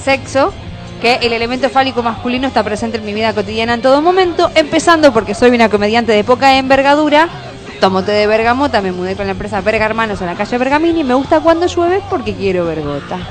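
A woman's voice: a little high, animated, quick pace, music in the background. A woman comedian with an Argentine accent from the Buenos Aires area, telling stories casually in slangy, bawdy language. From Argentina, San Martín in Greater Buenos Aires. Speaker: stand-up comedian, guest. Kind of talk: casual comic storytelling.

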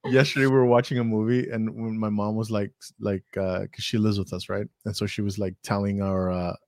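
A man's voice: fairly low pitch, level tone, fairly quick, darkish tone, no echo. A man co-hosting a podcast, chatting casually with a playful, teasing manner. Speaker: podcast co-host. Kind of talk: casual chat.

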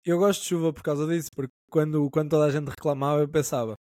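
A man's voice: fairly high pitch, steady tone, very fast, warm tone, dry recording, studio quality. A young man with a European Portuguese accent, telling stories in a casual podcast chat, slangy and swearing freely. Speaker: podcast co-host.

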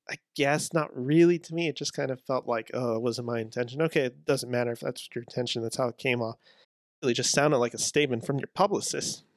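A man giving frank, animated awards-prediction commentary as a film reviewer, reading out quotes. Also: medium pitch, gravelly, dry recording, clean studio sound.

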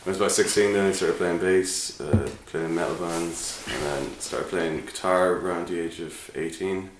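A man's voice: low-pitched, fairly even intonation, moderate pace. A man with an Irish accent from the midlands, answering casually as a musician being interviewed. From Longford, Irish midlands. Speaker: band founder being interviewed. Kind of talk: casual chat. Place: indoors on pub or venue premises. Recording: roomy echo, faint noise and clicks.

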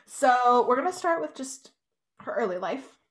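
This young adult podcast co-host keeps the talk chatty and casual, peppered with "like" and "you know." Her voice sits on the high side and is animated and fairly bright, at a moderate pace.

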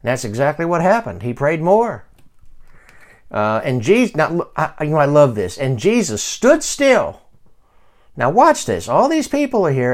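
A man in his fifties preaching a sermon, reading scripture slowly and moving from quiet asides to loud calls to pray. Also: fairly high pitch. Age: 50s. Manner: reads scripture slowly and deliberately. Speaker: pastor.

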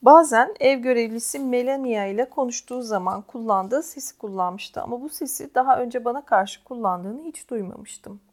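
A woman narrating an audiobook in a calm, measured first-person voice. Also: on the high side.

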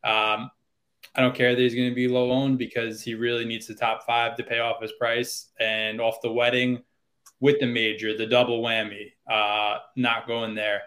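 A man's voice: mid-range voice, little pitch movement, moderate pace, a bit bright. A man with a middle-range voice hosts a casual golf betting podcast. He chats easily, throws in light wordplay and keeps putting questions to his co-hosts. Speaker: podcast host. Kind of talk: casual sports betting chat.

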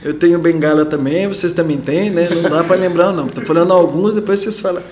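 Lively woman telling stories in an echoey room. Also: fairly low pitch, fast talker, a little hiss or hum. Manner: lively storyteller who acts out quoted voices. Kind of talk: casual interview recollection.

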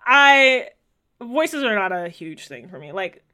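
A young woman in her twenties co-hosting a laid-back podcast, talking easily with frequent "like"s and quick laughs. Her voice is bright and forceful. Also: a little high, big pitch swings. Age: 20s. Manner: chatty, lots of "like" fillers and quick laughs. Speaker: podcast co-host. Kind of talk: casual chat.

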